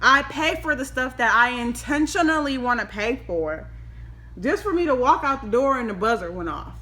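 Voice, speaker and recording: A woman's voice: a little high, expressive, moderate pace, sharp tone. A woman in her twenties chatting casually to camera in a giggly, tipsy ramble, as a makeup vlogger. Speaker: vlogger giving a makeup tutorial. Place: small room at home, indoors.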